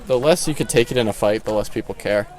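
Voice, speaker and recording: A man's voice: fairly low pitch, fast, a little mellow. A man co-hosting a podcast, chatting casually with dry, joking asides while walking around a zoo. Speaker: podcast co-host. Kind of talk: casual chat. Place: outdoors at a crowded zoo. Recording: crowd chatter behind.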